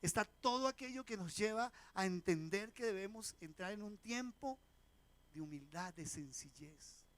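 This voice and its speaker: This is a man preaching. His voice sits high for a man. He keeps asking the congregation questions and acts out the people in his anecdotes. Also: animated, normal speed, a bit bright. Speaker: pastor. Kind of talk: sermon. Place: church sanctuary.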